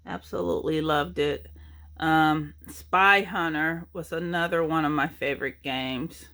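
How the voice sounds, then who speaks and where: A woman's voice: sits low, fairly even intonation, measured pace, fairly bright tone. A middle-aged woman rambling nostalgically about her game collection in a casual chat, with lots of ums and uhs. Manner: rambling, nostalgic, many fillers.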